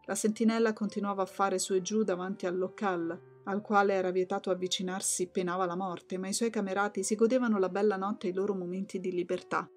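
A woman narrating a literary audiobook in a calm, measured way. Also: medium pitch, faint music behind.

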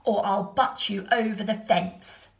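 A woman voicing a greedy goat that makes loud, pushy threats. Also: medium pitch, steady tone, measured pace, vocal fry, roomy sound.

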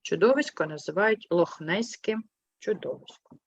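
Patient woman teacher, low and dry. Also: expressive, moderate pace, no echo. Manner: patient, clear, asks questions and corrects pupils gently. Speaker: primary school teacher. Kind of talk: online class lesson. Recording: muffled low-fidelity sound.

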